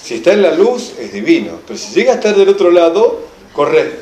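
Man, Argentine accent, informal lecture, emphatic, animated, echoey room. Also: high-pitched, a little fast, slight background noise. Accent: Argentine Spanish. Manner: animated, emphatic, often asks "me entienden?". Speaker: enneagram teacher. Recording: echoey room, live class recording.

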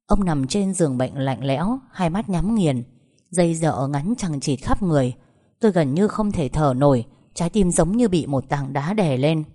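A woman narrating a first-person story in a steady, measured way. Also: low-pitched.

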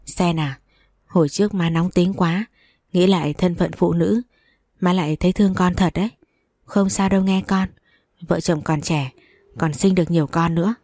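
A woman's voice: on the low side, steady tone, moderate pace, long pauses, warm tone, no echo, clean studio sound. A woman voicing a harsh, scheming older mother-in-law who scolds and commands in a storybook reading. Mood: coaxing.

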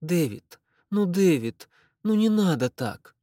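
A remorseful young woman, as a male reader puts her on pleads in a lifted, hushed voice, apologizing again and again. Her words come softly insistent and dry, close to the mic. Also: high-pitched, very animated, takes it slowly, no echo, voice pushed up, full character voice. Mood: pleading.

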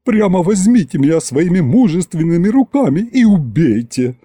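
A man's voice: high-pitched, sing-song, moderate pace, warm tone, slightly rough, no echo, studio quality, voice pushed up, exaggerated voice. A man voicing a theatrical, fawning court butler in an audiobook. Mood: melodramatic. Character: gushing flamboyant male court butler. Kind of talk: audiobook character voice.

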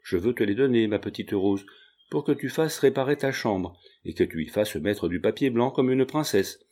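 A man's voice: fairly low pitch, expressive, normal speed. A man reading an audiobook, voicing a cheerful old carpenter father doting on his daughter. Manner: doting, warm-hearted.

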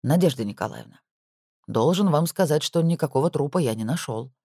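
An audiobook narrator voicing a laid-back, skeptical male police captain who talks things through slowly and dryly. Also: mid-range voice, animated, dark tone, no room sound. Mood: skeptical, weary. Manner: dry, laid-back, slow and reasoning. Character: weary skeptical police captain, man, unhurried.

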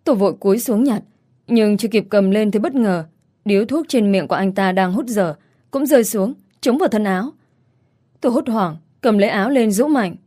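A woman's voice: mid-range voice, a little fast, dark tone. A woman narrating a first-person story in an audiobook reading.

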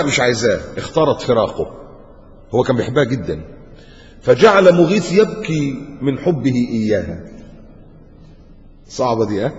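Egyptian male preacher, lively storytelling lecture, muffled recording in a reverberant hall. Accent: Egyptian Arabic. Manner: animated storytelling, acts out dialogue with big pitch swings. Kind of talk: colloquial religious lecture.

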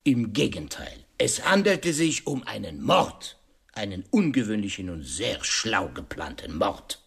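In a radio drama, a male actor plays a shrewd, self-assured detective laying out a case through rhetorical questions and emphatic pauses. His voice is fairly low, husky and exaggerated, with vocal fry and a sing-song lilt, and he sounds triumphant.

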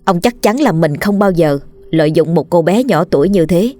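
A woman narrating a scripted horror story in a steady, measured reading. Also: fairly low pitch, no echo, soft background music.

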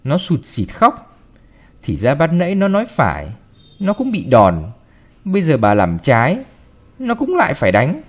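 A man reading a short story aloud with expressive, varied delivery. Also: fairly high pitch, normal speed, long pauses. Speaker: narrator.

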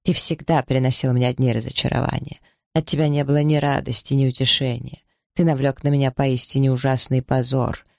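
A man playing a harsh, pious older mother who speaks with slow, cutting scorn, in an audiobook. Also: medium pitch, level tone, vocal fry, no room sound, clean studio sound, natural voice. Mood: scornful.

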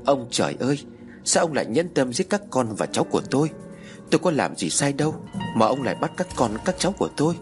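A man's voice: very animated, quick pace, faint music behind, lightly acted. A man voicing a grieving elderly grandmother who wails and scolds in a storybook tale. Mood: wailing grief. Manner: wailing, shrill.

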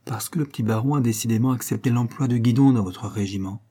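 A man voicing a sly, coquettish noblewoman in a storybook reading, asking arch, teasing questions in a darkish, husky voice. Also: medium pitch, fast talker, dark tone, close to an everyday voice.

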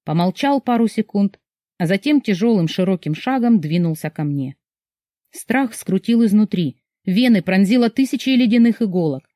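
A woman's voice: mid-range voice, animated, moderate pace, warm tone, dry recording. Woman, audiobook narrator, tense emotional reading, medium voice, dry close mic. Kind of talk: first-person novel narration.

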